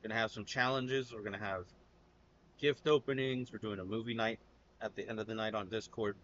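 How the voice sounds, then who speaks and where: American man, fairly low voice, casual reaction host, blunt and loose, slightly dull lo-fi sound. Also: fairly even intonation, brisk, fairly bright tone, slight background noise. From United States. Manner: loose and blunt, calls viewers "man" and "dude".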